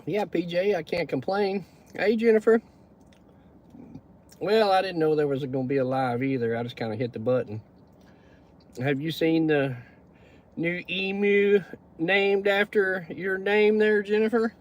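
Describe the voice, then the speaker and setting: A Texan man hosts a casual livestream from his pickup truck, chatting in a folksy way and greeting viewers by name. His voice sits high, and he speaks at a measured pace with frequent pauses.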